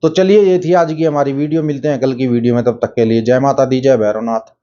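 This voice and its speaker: Middle-aged man, casual storyteller, mellow voice, dull lo-fi recording. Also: medium pitch, fairly even intonation, fairly quick. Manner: retells dialogue, many filler phrases. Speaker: dream-telling video host. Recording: dull lo-fi sound.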